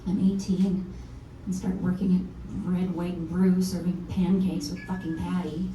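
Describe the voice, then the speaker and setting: An actress playing a blunt, self-mocking singer-songwriter of around thirty who has come back home. She confides and swears casually in a very dark, mellow voice. She is heard from a distance in a roomy venue, with a faint instrument playing behind her. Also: on the low side, little pitch movement, measured pace, a little hiss or hum, natural voice. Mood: wry, confessional. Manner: frank, wry, confessional, swears casually. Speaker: lead actor in a one-woman musical. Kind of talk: stage monologue at a live reading. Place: small performance venue.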